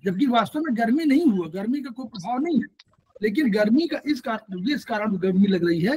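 A man's voice: very high voice, breathy edge, poor audio. A man teaching a class, explaining patiently and repeating key points so students remember.

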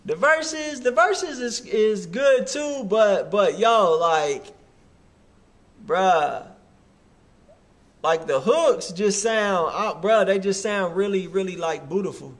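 Man in his thirties, high-pitched, slow-paced, casual street slang, animated music reviewer. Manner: hyped, animated, full of slang like bruh. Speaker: host of a music review livestream.

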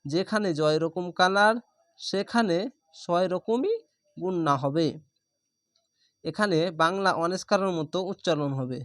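A man's voice: high voice, a bit bright, no echo, clean studio sound. A man teaching Quran reading, patiently spelling out each syllable letter by letter and explaining the rules as he goes. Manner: spells out syllables slowly and methodically.

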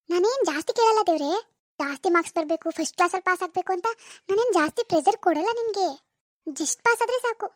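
A woman's voice: very high voice, no room sound, clean studio sound. A woman voicing an anxious teenage village girl in a cartoon, pleading in a rural Karnataka Kannada accent. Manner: pleading, repetitive, dramatic. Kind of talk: cartoon voice acting.

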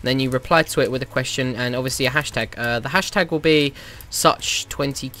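A man's voice: medium pitch, brisk, bright, forceful tone. A man giving casual, rambling commentary over a video game, with a slight cold and a sniffly morning voice. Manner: rambling, chatty, self-correcting. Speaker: gaming YouTuber.

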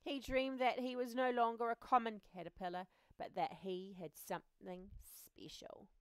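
A woman reading a children's picture book aloud, expressive, often dropping to a soft hush. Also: fairly high pitch, normal speed, clean tone, no echo. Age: adult. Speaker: reader.

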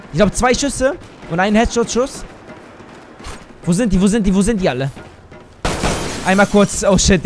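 Man, high voice, gaming commentary, excitable, exclaiming, game music behind. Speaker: gaming YouTuber. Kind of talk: live let's play commentary.

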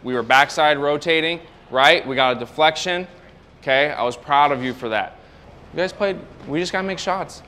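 A male basketball coach on a body-worn mic, shouting short commands to his players during a game and talking more calmly in huddles. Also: fairly high pitch, moderate pace, clean tone. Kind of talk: mic'd-up courtside coaching. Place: indoor gym during a game. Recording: game crowd and gym noise.

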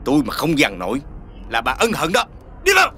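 Angry widower, bright tense voice, lively pitch, scolding, TV drama. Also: male voice, a little fast, full character voice. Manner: hostile, scolding, shouting orders. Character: angry grieving widower, middle-aged in-law. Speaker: actor. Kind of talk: TV drama acting.

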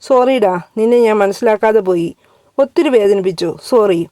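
A woman's voice: medium pitch, normal speed, mellow, no echo, clean studio sound, close to an everyday voice. A woman voicing a tender, affectionate young man in a read-aloud story.

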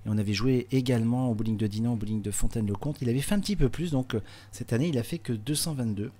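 A man's voice: mid-range voice, fast talker, warm tone. A man giving live bowling commentary, chatty and explanatory, with many small fillers. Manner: chatty, explanatory, with frequent hein and euh fillers.

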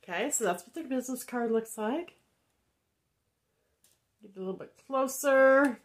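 A woman from Indiana, USA, with a voice that sits high, talks a little slowly in a casual haul vlog, nasal from a head cold. Reviewing wax melts in a home room, she's chatty and rambling, says um a lot and reads cards aloud.

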